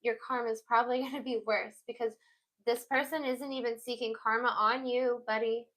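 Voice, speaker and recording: A woman's voice: fairly high pitch, fairly even intonation, a little fast, fairly bright tone, rough recording. A woman giving a casual, blunt intuitive reading, chatting freely and swearing now and then. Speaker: tarot reader.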